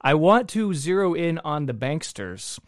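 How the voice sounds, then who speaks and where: A man hosting a casual talk show, energetic and jokey, with quick asides. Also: fairly high pitch, no echo, studio quality. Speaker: podcast host.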